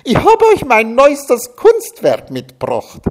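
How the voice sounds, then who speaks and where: A man doing Liesel, a shrill gushing woman from Salzburg. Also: very animated, slow, exaggerated voice. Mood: proud gushing. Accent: Salzburg Austrian dialect. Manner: shrill, exuberant, sing-song. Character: gushing loud Salzburg woman, amateur artist.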